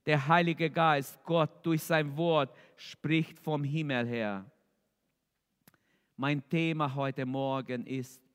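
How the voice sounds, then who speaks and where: High-voiced preacher in an echoey hall. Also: male voice, a bit bright. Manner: slow, emphatic preaching, rising in fervor toward the appeal. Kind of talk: sermon. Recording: echoey hall with long reverb.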